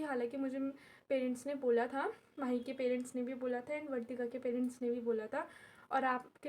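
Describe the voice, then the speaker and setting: A woman's voice: high-pitched, darkish tone. A young woman vlogging casually from home, chatty and repetitive. She is unwell and in pain. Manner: chatty, repeats herself, addresses viewers as guys. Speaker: vlogger and tuition teacher. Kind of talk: casual vlog talk to camera. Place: at home while her mother does her hair.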